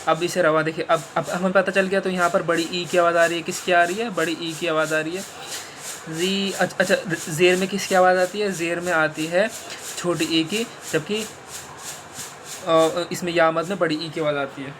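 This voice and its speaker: A man teaching Quran reading, spelling out Arabic syllables slowly and explaining the rules in quick bursts. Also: on the high side, fairly even intonation, a bit bright, a little hiss or hum. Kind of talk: teaching Arabic letter sounds.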